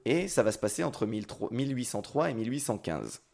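A man's voice: mid-range voice, sing-song, fast, creaky, a little mellow. A man hosting a podcast, telling history in a casual, joking way with crude slang and lots of fillers.

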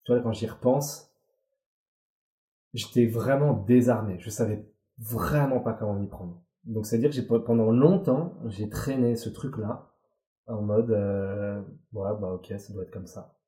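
Man in his forties, very dark voice, blunt and swearing, candid interview, echoey room. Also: on the low side, unhurried. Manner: emotional, blunt, swears freely. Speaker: guest, former Olympic athlete. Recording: roomy echo.

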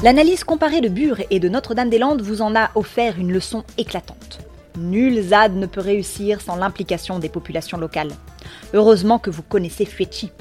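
A woman narrates a scripted story in the second person, voice sitting in a middle register. Her delivery is wry and ironic, with slangy asides. Soft music plays faintly behind her. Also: medium pitch, brisk.

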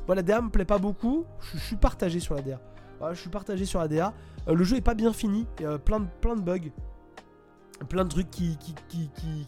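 A man talks through a video game review at his computer, pausing often and restarting his sentences. His voice sits a little high for a man but sounds mellow and soft-edged. Faint music plays behind him. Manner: hesitant, many fillers and restarts. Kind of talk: casual spoken game review. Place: home, at a computer.

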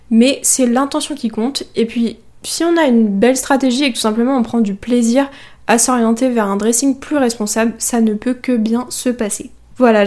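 A woman's voice: a little high, dark tone. A woman hosting a podcast, giving advice in an upbeat, enthusiastic, conversational way. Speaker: podcast host.

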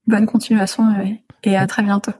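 A woman's voice: medium pitch, flat delivery, fairly quick, a little mellow, husky. A woman guest in a casual interview, speaking hesitantly with many filler sounds.

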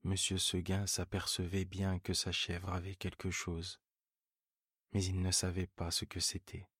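Calm guy reading a sleep story, super low and flat, soft music behind. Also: husky, dry recording, clean studio sound. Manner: calm, soothing, unhurried.

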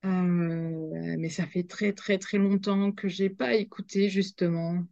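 A woman's voice: fairly low pitch, little pitch movement, slow pace, vocal fry, dark tone, no echo, muffled recording. A young woman, a radio journalist, chatting as a guest in a podcast interview, hesitant with many fillers and restarts.

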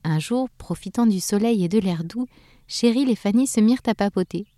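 A woman narrating a children's story in a gentle, expressive way. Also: medium pitch, normal speed, dry recording.

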